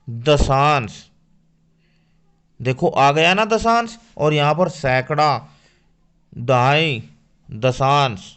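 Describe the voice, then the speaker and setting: With a fairly high, slightly bright voice, a man teaches a school maths lesson to children. He talks to them directly, posing questions and then answering them himself.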